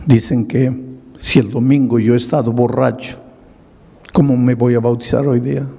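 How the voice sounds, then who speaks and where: A man's voice: mid-range voice, fairly even intonation, moderate pace, gravelly, mellow, husky, long reverb tail. A man voicing a grieving homeless drunkard who confesses his past in a pleading voice. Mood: sorrowful. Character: grieving homeless adult male drunkard, remorseful.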